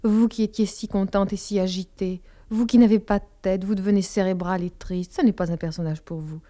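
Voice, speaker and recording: A woman playing a cool, self-possessed woman who speaks with quiet authority, in a mellow, dark voice. A measured audiobook reading. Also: mid-range voice, fairly even intonation, lightly acted. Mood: composed. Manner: composed, measured.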